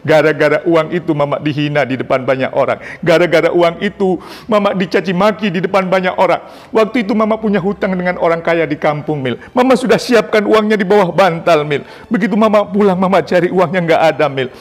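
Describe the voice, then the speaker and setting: A man's voice: mid-range voice, quick pace, hardly any pauses, darkish tone, close to an everyday voice. A man voicing a grieving elderly village mother who wails and pleads through tears, repeating her son's name. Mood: anguished.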